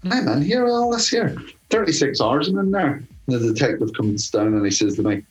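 A man's voice: fairly high pitch, very animated, brisk, lo-fi sound, soft background music. A middle-aged man as an interview guest, telling a long story in a casual, profane way and laughing as he goes.

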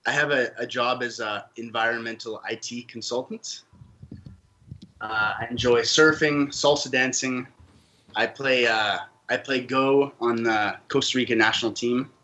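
A man's voice: mid-range voice, fairly even intonation, measured pace, pushed and bright, low-quality recording. A man from Canada, a podcast guest, telling his story in an earnest, reflective way during a casual interview.

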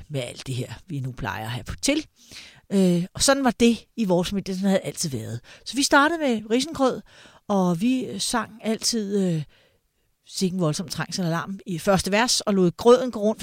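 Low-voiced woman telling a family story. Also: no room sound, studio quality. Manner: casual, hesitant with fillers. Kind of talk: personal anecdote told aloud.

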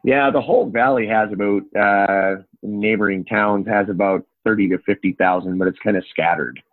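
A man's voice: fairly low pitch, moderate pace. A middle-aged man with an Upper Peninsula Michigan accent, talking as an interview guest in a folksy, wordy, playful way over a phone-like connection. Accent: Upper Peninsula Michigan (Yooper). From Upper Michigan, United States. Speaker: interview guest, home inspection business owner. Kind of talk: conversational interview. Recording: echoey, narrow phone-like call audio.

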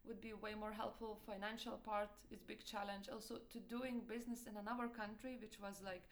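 A young woman from Lithuania with a Lithuanian accent, answering interview questions about her business and often pausing to search for words. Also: medium pitch, steady tone, slight background noise. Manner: hesitant, searching for words, many fillers. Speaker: entrepreneur guest.

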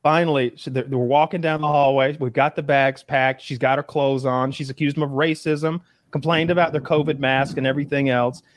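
A man in casual chat, telling stories in an animated, profane way. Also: medium pitch, brisk, few pauses, dry recording, studio quality.

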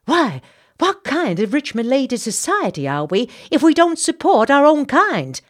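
For an audiobook, a woman voices a fretful, bossy, gossipy Southern society matron with an American Southern accent, pitching her voice high and above her own natural range. The delivery swings widely in pitch at a moderate pace, sounding indignant, insistent and determined.

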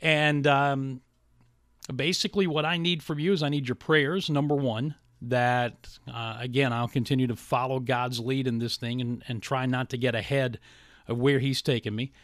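Guy hosting a podcast, reflective halting talk, dry studio-ish sound, mid pitch. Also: steady tone, a bit bright, no room sound. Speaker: podcast and radio host. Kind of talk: monologue to listeners, partly scripted ad reads.

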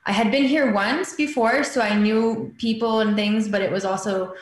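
A woman's voice: on the high side, steady tone, moderate pace. Echoey woman guest telling her story casually. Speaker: podcast guest, filmmaker. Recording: roomy echo with background noise.

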